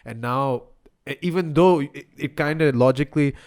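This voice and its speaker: A man's voice: a little high, moderate pace, darkish tone, clean tone. A man from Pakistan, hosting a casual interview with loose, joking talk and frequent restarts. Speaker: podcast host.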